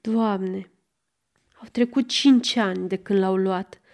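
A woman's voice: medium pitch, darkish tone, natural voice. A woman narrator voicing a proud, grieving old servant woman in a storybook reading, lightly voiced. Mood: wistful.

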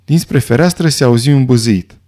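A man reading a story as an audiobook narrator in a steady, even way. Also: mid-range voice. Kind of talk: scripted narration.

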